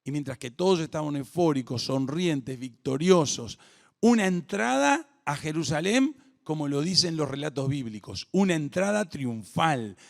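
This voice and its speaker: Gravelly-voiced Rioplatense pastor preaching. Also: male voice, on the high side, expressive, moderate pace. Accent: Rioplatense Spanish. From Uruguay. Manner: preaching with wide swings between hushed and emphatic. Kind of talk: sermon. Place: home or church for an online service.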